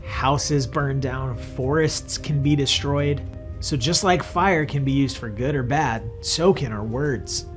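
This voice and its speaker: A man's voice: medium pitch, slow, faint music behind. A man hosting a church kids' show, explaining a lesson to children in a friendly way. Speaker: host.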